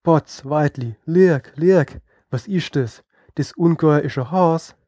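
Guy doing a scaredy swabian leader, pompous, voice pitched up a bit, dry sound. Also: moderate pace, warm tone, no room sound, close to an everyday voice. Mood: relieved. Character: timid pompous Swabian man, leader of seven.

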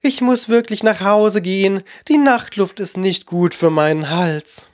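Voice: medium pitch, unhurried, darkish tone, no room sound, studio quality, voice pushed up, close to an everyday voice. Reader as an old magpie fretting over her throat, fussy.

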